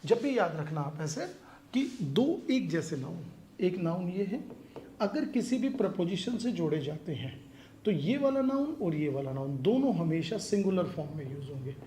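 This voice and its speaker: Echoey Hindi-speaking English teacher. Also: male voice, high voice, sing-song, normal speed, dark tone, slight background noise. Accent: Indian English. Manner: explains in Hindi with English examples, asks checking questions. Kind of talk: grammar lesson for exam prep. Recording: echoey room with faint ambience.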